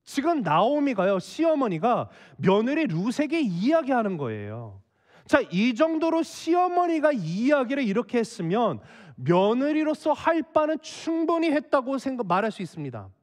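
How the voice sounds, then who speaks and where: A man's voice: very high voice, sing-song, moderate pace, darkish tone, big-room sound. A man preaching a sermon as a pastor, acting out the characters' lines with emotion. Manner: acts out the Bible characters' dialogue with emotion. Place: church sanctuary.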